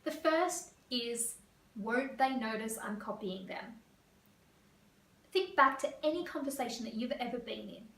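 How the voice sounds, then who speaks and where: A woman career coach from Australia, explaining interview tips to camera in a fast, lively way. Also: on the high side. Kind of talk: teaching to camera. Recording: echoey room, voice a bit far.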